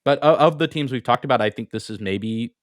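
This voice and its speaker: A man's voice: mid-range voice, brisk, dry recording, clean studio sound. A man co-hosting a sports podcast in casual chat, often repeating his first words as he thinks aloud. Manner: repeats words at the start of phrases, hedging. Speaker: podcast co-host.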